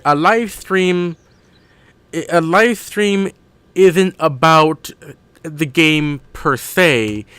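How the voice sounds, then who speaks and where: Man gaming streamer, slow-paced and rambling, a bright, slightly high voice, close dry mic. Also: smooth, dry recording. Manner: rambling, thinks aloud, corrects himself. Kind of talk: casual live-stream commentary while gaming.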